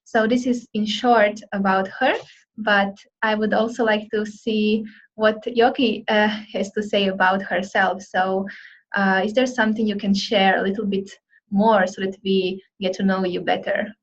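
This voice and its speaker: A woman's voice: mid-range voice, fairly even intonation, measured pace, lo-fi sound, slight background noise. A woman hosting a casual interview, hesitant with many fillers. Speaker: host.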